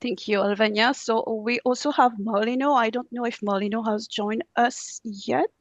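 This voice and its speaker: Higher-pitched female panel moderator, dry sound. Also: steady tone, normal speed, dry recording.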